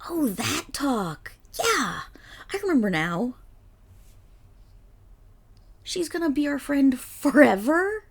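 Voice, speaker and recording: A woman voicing an excitable, affectionate dog-eared girl in an ASMR role-play, loud and giggly. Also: sits high, slow pace, long pauses, exaggerated voice. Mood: bubbly.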